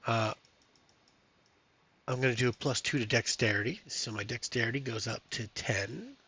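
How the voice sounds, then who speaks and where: A man's voice: medium pitch, normal speed, pushed and bright, breathy edge. A man streaming a solo tabletop game, reading rules and chatting casually to viewers, thinking aloud with many fillers. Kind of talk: casual live-stream chat.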